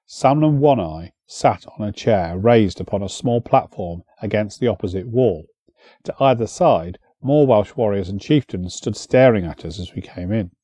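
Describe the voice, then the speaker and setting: A man narrating an audiobook in a measured storytelling manner on a close studio mic. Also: fairly low pitch, warm tone, slightly rough, no room sound.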